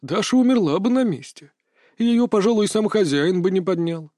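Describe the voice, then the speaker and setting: A cackling old sorcerer with a raised, mellow voice, as a male reader puts him on, chatty and mock-tender as he coaxes his victim. The recording is dry and close, with a folksy, creeping menace under the friendliness. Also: high voice, expressive, moderate pace, no echo, pitched above the performer's own voice. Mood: sly. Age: older.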